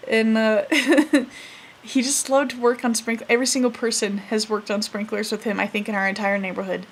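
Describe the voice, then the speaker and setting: Woman, 20s, slightly high voice, soft and halting vlog storytelling with lots of fillers; faint hiss under the audio. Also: level tone. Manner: soft-spoken, hesitant, full of fillers and self-corrections; laughs while recalling funny moments. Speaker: vlogger. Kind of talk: casual storytelling to camera.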